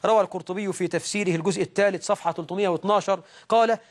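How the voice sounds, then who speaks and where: A man preaching a sermon in an Egyptian accent, moving between slow, drawn-out recitation and sudden raised outbursts. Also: high voice, steady tone. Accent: Egyptian Arabic.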